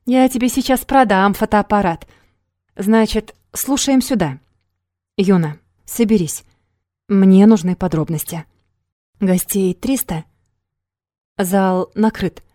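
A woman reading an audiobook, voicing a brash, scheming young man who talks loud and pushy. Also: medium pitch, takes it slowly, long pauses, no echo, clean studio sound, lightly acted.

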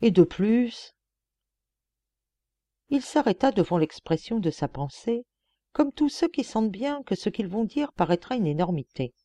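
A woman narrating a literary audiobook, measured and expressive. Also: medium pitch, no echo. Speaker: audiobook reader.

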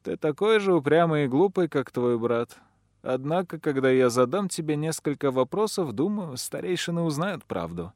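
A man's voice: on the high side, very animated, normal speed, darkish tone, dry recording, clean studio sound, pitched above the performer's own voice. A man voicing a ruthless, cold chieftain who usurped a clan's throne, speaking in a commanding, mocking manner in an audiobook reading.

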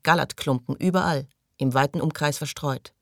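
A man narrating a science-fiction audiobook in a measured reading style, dropping quieter at tense moments. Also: fairly high pitch, vocal fry, no room sound, clean studio sound. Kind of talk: scripted narration.

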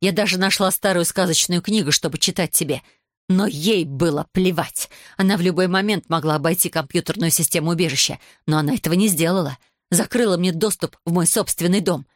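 A woman's voice: fairly low pitch, brisk, no room sound, lightly acted. A wounded older sister speaks in a bitter, accusing tone, as a woman reading the story voices her. It is a plain everyday voice, heard dry and close.

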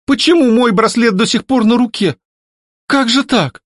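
A man's voice: high voice, wildly swooping pitch, moderate pace, fairly bright tone, dry recording, clean studio sound, pitched above the performer's own voice, full character voice. A man voicing a frightened young noblewoman on the edge of tears. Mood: tearful. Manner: weepy, trembling.

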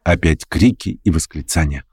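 A man narrating an audiobook in an expressive, measured manner. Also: rumbling low, husky, no echo, studio quality. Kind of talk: scripted narration.

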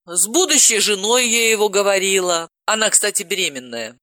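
A woman's voice: medium pitch, lively intonation, moderate pace, sharp tone, no room sound, studio quality, pitched above the performer's own voice. A woman doing a wry resilient heroine. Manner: wry, matter-of-fact.

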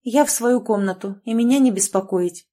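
A woman voicing a tired, cool-headed young noblewoman who answers flatly and indifferently, in an audiobook. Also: fairly high pitch, normal speed, lightly acted. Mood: cold.

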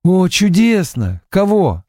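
A man reading an audiobook voices a sleepy, softly emotional young woman detective, raising his voice for her. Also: high voice, wildly swooping pitch, takes it slowly, dry recording, clean studio sound, voice pushed up, heavily acted. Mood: sleepy, touched.

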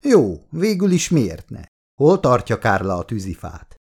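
A man's voice: mid-range voice, huge pitch swings, creaky, a little mellow, breathy edge, exaggerated voice. A male audiobook reader voicing a vulgar, joking young man who teases his partner. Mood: teasing. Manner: vulgar, teasing banter. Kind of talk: audiobook character voice.

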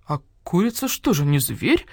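A woman voicing a stern, gruff elder badger in a storybook. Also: fairly low pitch, very animated, moderate pace, no room sound, studio quality, heavily acted.

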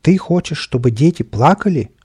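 A man's voice: mid-range voice, animated, moderate pace, mellow. A man voicing a proud, noble male cat swordsman in a storybook reading, with a stern, gallant manner. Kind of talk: storybook character voice.

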